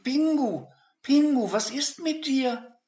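A reader playing a young boy, raised childlike voice, hesitant and stammering, slow, storybook read-aloud, echoey room. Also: high-pitched, animated, mellow, pitched above the performer's own voice, full character voice. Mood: worried. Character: young boy, shy and wondering.

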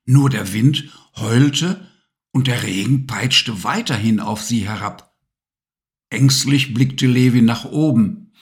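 A man reading a children's storybook aloud, calm and measured. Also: mid-range voice. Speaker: narrator.

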